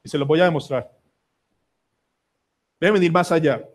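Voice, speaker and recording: A man's voice: on the high side, normal speed. A Colombian man preaching a sermon as pastor, emphatic and pleading, putting question after question to the congregation. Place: church sanctuary.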